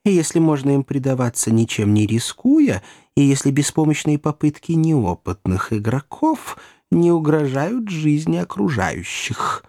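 A man voicing a pompous, dignified elderly gentleman speaking formally. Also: fairly high pitch, sing-song, a little slow, no room sound, clean studio sound, voice pushed up, heavily acted. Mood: stately. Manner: stately, formal.

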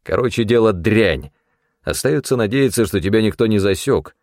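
A man's voice: on the low side, lively intonation, moderate pace, a little mellow, no echo, studio quality. A man voicing a wary, bossy old mentor who scolds in blunt, folksy talk. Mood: grumbling. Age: older.

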